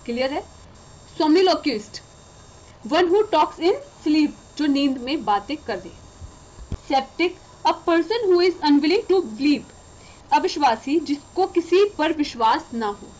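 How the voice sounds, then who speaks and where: An Indian woman teaching English vocabulary, reading definitions slowly and explaining them in Hindi. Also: sits high, expressive, a little mellow, poor audio. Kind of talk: vocabulary lesson.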